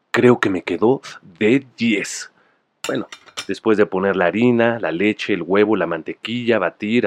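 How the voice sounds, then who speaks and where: A man's voice: lowish voice, lightly acted. A man playing someone cooking a messy breakfast, chatty and pleased with himself, talking to himself as he works. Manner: chatty, self-satisfied, talks to himself.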